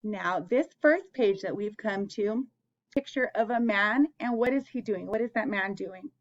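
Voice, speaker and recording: A woman hosts an interactive picture-book read-aloud for young children, asking them questions and encouraging them along the way. Her voice is medium-pitched and a little slow, and the sound is lo-fi.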